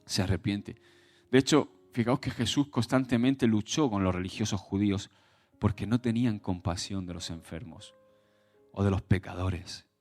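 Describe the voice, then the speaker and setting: A man's voice: lowish voice, a little mellow. A male pastor from preaching a sermon in a conversational way, with many restarts and rhetorical questions to the congregation.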